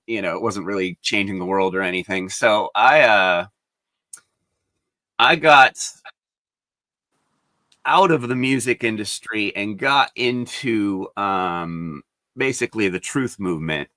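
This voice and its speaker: A man in his forties hosting a podcast, talking in a relaxed, rambling way full of fillers. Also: fairly low pitch, dry recording. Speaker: podcast host. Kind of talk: casual interview conversation.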